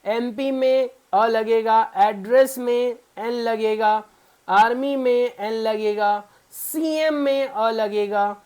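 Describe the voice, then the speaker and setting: A man's voice: very high-pitched, fairly even intonation, slow pace, darkish tone. A man teaching a spoken English grammar lesson to beginners. He keeps quizzing his viewers with repeated questions and talks to them in a fatherly way. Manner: fatherly, calls viewers son.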